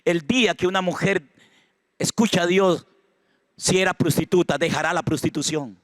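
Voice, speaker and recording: A man preaching a sermon with a Costa Rican accent, swinging from hushed prayer to loud exhortation. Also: high-pitched, normal speed, no room sound, clean studio sound. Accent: Costa Rican Spanish. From Costa Rica. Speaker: pastor. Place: church sanctuary.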